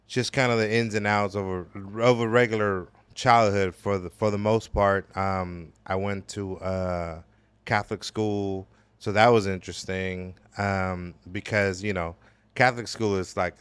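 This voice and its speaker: A man from El Salvador, a podcast guest, talking reflectively about his upbringing with many pauses and fillers. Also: low voice, steady tone, a bit bright, clear, resonant tone, no room sound. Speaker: podcast guest, business owner. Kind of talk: casual conversational interview. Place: gallery space.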